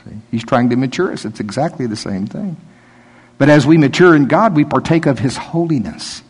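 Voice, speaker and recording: A man's voice: medium pitch, expressive, moderate pace, darkish tone, slightly rough. A male pastor giving a conversational sermon, joking and laughing as he talks.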